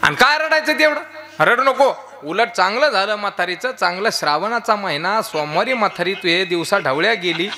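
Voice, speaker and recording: A brash, tactless village man , as a preacher acts him out, barks at his grieving friend in a high, pushed voice. He is loud and mocking. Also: lively intonation, moderate pace, a little hiss or hum, heavily acted. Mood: scolding.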